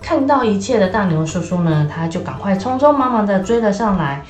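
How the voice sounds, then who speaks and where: A woman storyteller reads a children's tale in a lively, animated way and speaks straight to the young listeners. Her voice rings in an echoey room, and soft music plays behind her. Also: mid-range voice, fairly quick. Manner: lively, addresses children directly.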